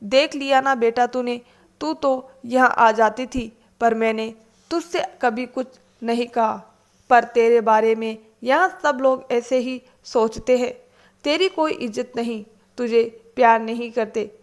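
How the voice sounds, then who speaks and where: A woman voicing a meek older mother who complains softly and resignedly. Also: on the high side, measured pace, lightly acted. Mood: gentle.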